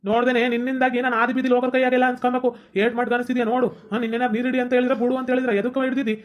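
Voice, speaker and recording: A woman's voice: on the high side, level tone, rapid-fire, voice pushed down, lightly acted. A woman voicing a quarrelsome young husband who complains in a North Karnataka Kannada accent. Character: young husband Shankar, hotheaded son.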